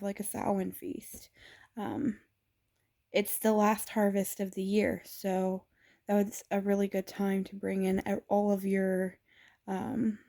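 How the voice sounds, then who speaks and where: A woman vlogger giving a casual spoken explainer, hesitant and pausing often with fillers. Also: mid-range voice, gravelly, mellow. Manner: hesitant, frequent filler pauses.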